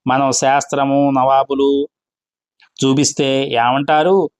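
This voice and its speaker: A man's voice: medium pitch, level tone, takes it slowly, no room sound, natural voice. A man reading as Girisham, a pompous boastful tutor. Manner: pompous, lecturing. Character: boastful self-important male tutor, smooth talker.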